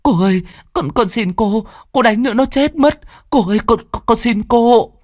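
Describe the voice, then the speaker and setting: A man's voice: very high voice, expressive, normal speed, dry recording, voice pushed up. A frightened young servant woman stammers her pleas in a raised, strained voice, as a male narrator puts her on. The recording is close and dry. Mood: begging. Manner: stammering, begging.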